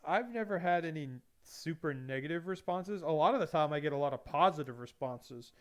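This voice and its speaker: High, smooth-voiced man telling stories. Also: fairly quick. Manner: lively storyteller, acting out both sides of conversations; laughs often. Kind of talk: casual interview chat.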